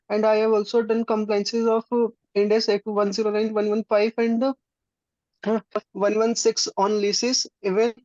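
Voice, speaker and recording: A young man with an Indian English accent gives a practice self-introduction for an interview. His delivery is very slow and flat, and full of pauses and fillers. The sound is dull and dry. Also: high-pitched, no room sound. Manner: halting, many fillers and restarts. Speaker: job interview candidate.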